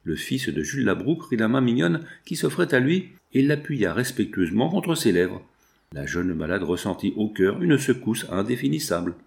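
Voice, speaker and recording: Un homme qui lit un roman à voix haute, de manière posée et expressive. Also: male voice, fairly low pitch, moderate pace, gravelly. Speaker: lecteur de livre audio. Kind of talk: narration de roman lue.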